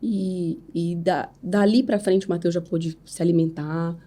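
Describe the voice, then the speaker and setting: Earnest Brazilian woman with a mellow voice. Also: lowish voice, steady tone, a little slow. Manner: earnest, faith-filled storytelling with frequent "né?" tags. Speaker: podcast guest. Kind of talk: emotional personal testimony.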